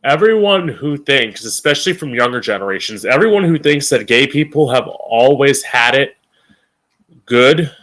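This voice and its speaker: A man's voice: medium pitch, expressive, normal speed, fairly bright tone. A man with a campy drag queen manner hosting an informal opinion monologue, emphatic and opinionated, with plenty of swearing. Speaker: podcast host.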